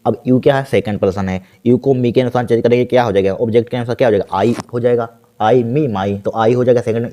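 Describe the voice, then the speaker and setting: A man runs an exam-prep grammar lesson in a dark, mellow voice. He spells out answers word by word as he writes them. He keeps asking the class what comes next, then answers himself. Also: mid-range voice. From India. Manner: repeats words slowly while writing, asks and answers himself. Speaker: teacher.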